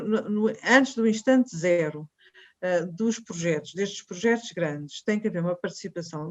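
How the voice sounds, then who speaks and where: Woman, late fifties, European Portuguese accent, insistent panelist, muffled call audio. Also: mid-range voice. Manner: emphatic, insistent, with frequent restarts. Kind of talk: webinar panel discussion.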